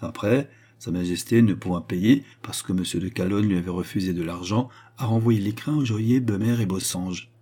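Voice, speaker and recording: A man's voice: fairly low pitch, normal speed, few pauses, warm tone, husky. A man reading an audiobook, voicing a scheming noblewoman who answers with feigned humility. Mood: feigned meekness. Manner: guarded, falsely meek.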